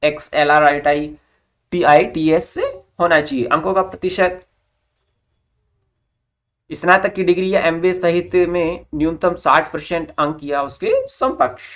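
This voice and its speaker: A presenter of job recruitment updates gives an informational explainer in a medium-pitched, fairly bright voice. Speaking steadily at a measured pace, the presenter instructively reads formal notice wording, then puts it into simpler everyday terms.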